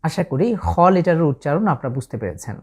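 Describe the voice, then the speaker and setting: Speaking with a Bangladeshi Bengali accent, this woman slowly and patiently demonstrates Arabic letters for Quran recitation, lengthening each sound. Her deep voice has a sing-song lilt, a darkish tone and a breathy edge.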